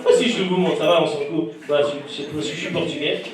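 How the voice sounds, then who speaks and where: A man's voice: fairly high pitch, fairly even intonation, fast talker, crowd noise. A man doing live stand-up, teasing and bantering with diners in a comedy club. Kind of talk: live stand-up crowd work. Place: comedy club during dinner service. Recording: echoey room, distant mic, audience.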